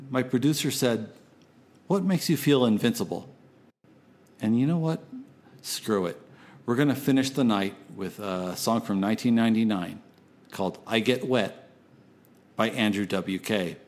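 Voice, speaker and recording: A man's voice: on the low side, lively intonation, measured pace, pauses often, darkish tone. A man working as a late-night radio DJ, rambling between songs in a folksy, theatrical and profane way.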